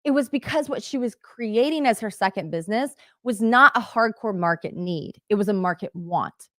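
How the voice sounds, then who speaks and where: A woman coaching an online workshop in an energetic, conversational way, often saying "like" and "right?". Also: mid-range voice, moderate pace, no echo, clean studio sound. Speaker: business coach. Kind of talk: motivational workshop talk.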